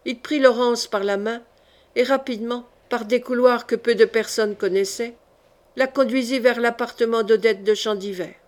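A woman with a fairly high voice reads a historical novel aloud. Her telling is measured and dramatic, and she gives the characters' exchanges their own lively turns. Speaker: audiobook reader.

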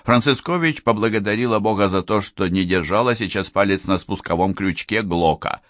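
Low-pitched male audiobook narrator. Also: fairly quick, dry recording, clean studio sound. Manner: lively storytelling, voices many characters. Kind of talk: scripted narration.

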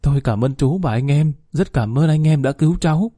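An anxious, commanding middle-aged mother, as a male narrator puts her on. The voice is lifted higher yet stays firm. A read-aloud story, close and dry. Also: brisk, dark tone, husky, no room sound, soft background music. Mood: urgent.

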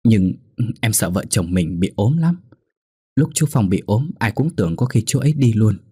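A man's voice: lowish voice, expressive, moderate pace, warm tone, husky, no echo, studio quality. A man voicing a frightened middle-aged wife who talks anxiously and stammers.

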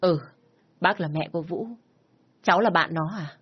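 A woman voicing a grieving mother of about sixty who speaks gently and sorrowfully. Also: fairly low pitch, moderate pace, husky, dull audio. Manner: soft, sorrowful.

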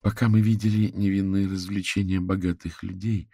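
A man voicing a calm, analytical young woman who explains things in a measured way in an audiobook. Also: deep voice, gravelly, slightly rough, dry recording, clean studio sound, voice pushed up, heavily acted. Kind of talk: audiobook character voice.

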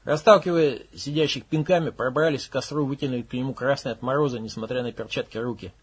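A man's voice: medium pitch, quick pace, husky. A man narrating an audiobook in a blunt, coarse manner, with swearing.

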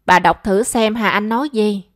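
A woman voicing a mild, weary older father who speaks softly and patiently, in a dry close recording. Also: mid-range voice, normal speed, no echo, close to an everyday voice. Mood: gentle. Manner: soft, patient, resigned.

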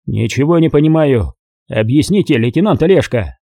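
A man voicing a gruff, exhausted, short-tempered male army commander who barks and swears, with a husky, dark voice. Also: fairly high pitch, expressive, normal speed, dry recording, clean studio sound. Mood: weary, stern. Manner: barking, swearing, irritable.

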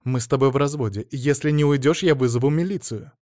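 Man reading as a middle-aged divorced woman, proud, firm, sharp, audiobook, dry sound. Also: medium pitch, fast talker, no room sound, close to an everyday voice. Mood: angry.

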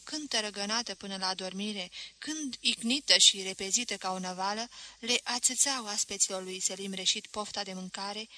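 A woman reading a literary novel aloud as an audiobook, steady and expressive. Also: mid-range voice, no room sound. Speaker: audiobook reader.

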